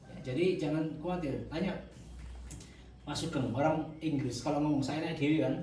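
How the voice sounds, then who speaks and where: A man teaching Arabic grammar to a class, relaxed and joking, mixing in words. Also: on the high side, moderate pace, slight background noise. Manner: relaxed, joking, mixes in Javanese. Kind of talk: classroom lesson. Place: large echoey mosque hall. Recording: echoey hall, voice from far off.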